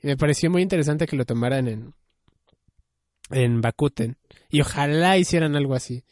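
A man's voice: a little high, moderate pace, darkish tone, dry recording, clean studio sound. A young man chatting casually, musing and hedging with many fillers. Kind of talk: casual chat about anime.

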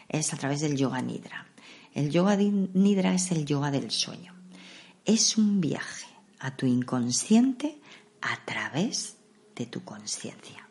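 Low-voiced woman, calm podcast talk. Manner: calm, conversational, gently explaining. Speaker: podcast host. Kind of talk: reflective podcast monologue on meditation.

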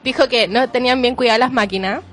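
A woman's voice: on the high side, fast. A young Chilean woman co-hosting a casual talk show, playful and joking with dry humor. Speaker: co-host. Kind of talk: casual banter.

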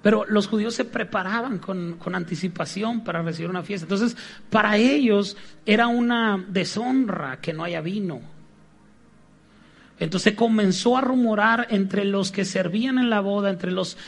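A man's voice: high-pitched, normal speed, gravelly. A man preaching a sermon with humor, getting the congregation to repeat his lines to each other.

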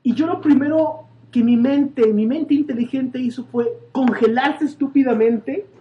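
A young man with a Mexican accent, co-hosting a comedy podcast and telling stories in an animated, playfully exaggerated way. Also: very high voice, unhurried, dull audio. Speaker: podcast co-host. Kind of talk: joking podcast banter.

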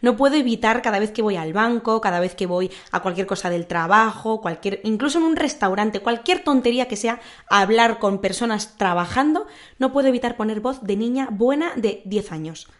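A woman in her twenties hosting a solo podcast, giving candid advice in a chatty, informal way with frequent tag questions. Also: on the high side. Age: 20s. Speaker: podcast host.

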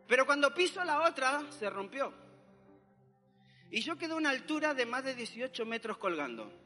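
High-voiced man telling a story. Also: normal speed, in a large hall, faint music behind. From Argentina. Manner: animated, dramatic storytelling. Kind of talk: personal testimony storytelling.

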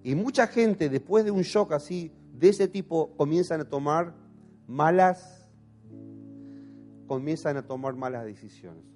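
A man's voice: a little high, animated, measured pace, darkish tone, faint music behind. A pastor in his thirties with an Argentine accent, preaching a passionate sermon and asking the congregation questions. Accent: Argentine Spanish. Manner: impassioned, asks the congregation questions.

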